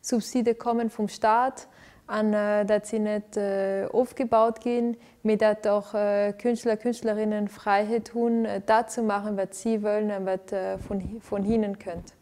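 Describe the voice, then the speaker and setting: A mid-range, warm female voice with a flat, somewhat slow delivery answers interview questions, restarting often and using lots of fillers. She is an arts director from Venezuela, seated in a living room lit for filming.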